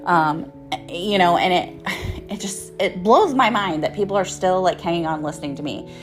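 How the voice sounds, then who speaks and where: With music in the background, this host, author and motivational speaker in her thirties talks at a normal pace in a lowish voice. Her personal storytelling is casual and frank, full of tangents and free swearing.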